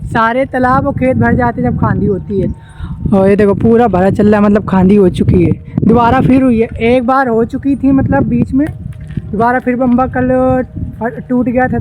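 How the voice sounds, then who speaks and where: A man's voice: extremely high pitch, background noise. A young man from India chatting casually to camera, explaining his village life to his viewers. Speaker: village vlogger. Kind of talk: casual vlog narration to camera. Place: village home, garden and roadside.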